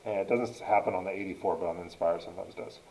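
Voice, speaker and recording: A man's voice: sits low, fairly even intonation, quick pace, mellow, reverberant, poor audio. A man teaching a math lesson, dictating each entry step by step as he narrates a calculator demonstration.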